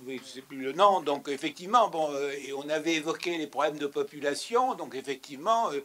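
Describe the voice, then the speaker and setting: Male conference host, slightly higher voice, halting off-the-cuff remarks with fillers. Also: lively intonation, fairly bright tone. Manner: hesitant, many fillers and restarts. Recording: lecture hall.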